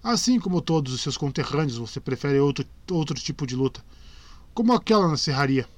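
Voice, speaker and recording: A man's voice: fairly high pitch, animated, fairly quick, no room sound, lightly acted. A man voicing a grim middle-aged male witcher who gives short, commanding orders, in a dry close recording. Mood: stern.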